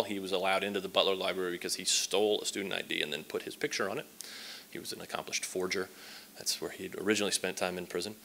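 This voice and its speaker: With a lowish, sharp-toned voice, a man in his forties gives a loose, filler-heavy conference talk at a symposium, often restarting. A stand microphone placed at a distance picks him up in a large lecture hall.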